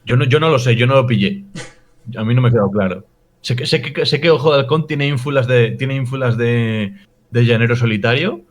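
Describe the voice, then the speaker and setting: A man's voice: mid-range voice, fairly quick. A man, a podcast co-host who talks hesitantly and repeats his words. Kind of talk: casual film review chat.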